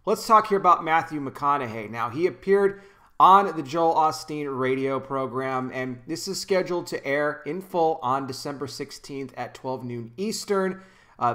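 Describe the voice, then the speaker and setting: A man's voice: mid-range voice, pushed and bright. A man in his thirties hosting a casual commentary vlog from a small room at home, talking earnestly into a desk microphone with frequent restarts. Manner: earnest, talks with hand gestures, frequent restarts. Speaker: commentary channel host. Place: small indoor room with kitchen behind. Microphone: desk microphone in front of him.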